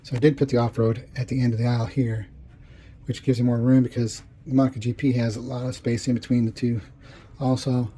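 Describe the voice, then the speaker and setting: A man's voice: mid-range voice, flat delivery, a little fast, mellow, slight background noise. A man giving a casual vlog tour of his home game room, chatty and rambling with lots of fillers, his voice a bit off after tonsil surgery. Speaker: arcade collector vlogger.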